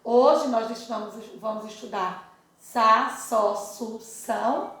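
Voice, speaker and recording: A woman teaching a children's phonics class with a Brazilian Portuguese accent. Her voice sits high and her pace is slow and deliberate, stretching syllables in a sing-song drill. She checks in constantly with the little ones, and the recording sounds heavily echoey, as if made in a bare room. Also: fairly bright tone. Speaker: first-grade teacher.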